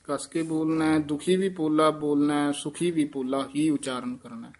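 A man's voice: on the high side, fairly even intonation, normal speed. A man teaching how to pronounce scripture, correcting his students patiently. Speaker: recitation teacher.

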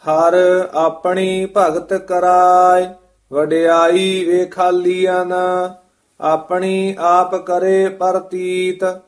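A man, as a student, reciting sacred verses in a slow chant. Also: sits high, flat delivery, faint music behind.

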